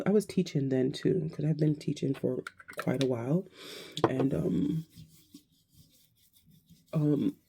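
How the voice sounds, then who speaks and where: Slow, gravelly-voiced woman in her thirties. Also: sits low, mellow. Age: 30s. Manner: hesitant, searching, many ums and restarts. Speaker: vlogger. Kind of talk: casual reflective vlog talk.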